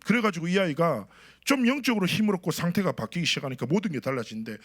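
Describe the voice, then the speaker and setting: Animated male preacher with lively pitch. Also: quick pace. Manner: animated preaching with rhetorical questions and anecdotes. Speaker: associate pastor. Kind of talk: sermon.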